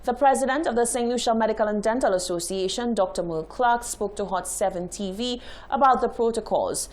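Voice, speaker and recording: Female news anchor, higher voice, formal, steady read. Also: brisk. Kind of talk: scripted news reading.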